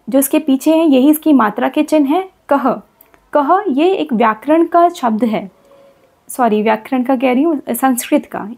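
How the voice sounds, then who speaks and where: High-voiced woman teaching Hindi grammar. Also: darkish tone. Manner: patient, repeats example words slowly. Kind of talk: explaining Hindi grammar to children.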